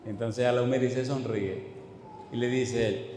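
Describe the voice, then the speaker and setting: Fervent Dominican preacher in an echoing hall. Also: male voice, mid-range voice, steady tone, measured pace, darkish tone, slight background noise. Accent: Dominican Spanish. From Dominican Republic. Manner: fires repeated rhetorical questions at the congregation. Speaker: pastor. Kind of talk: sermon. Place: church. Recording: reverberant church hall, faint ambience.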